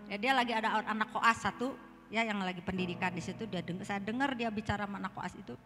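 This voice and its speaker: A woman's voice: medium pitch, fast. A middle-aged woman with a Sundanese accent, telling her personal testimony in church and often addressing the listeners directly. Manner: storytelling, keeps addressing listeners as brothers and sisters. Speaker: church member giving testimony. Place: church hall. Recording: echoey hall with guitar music behind.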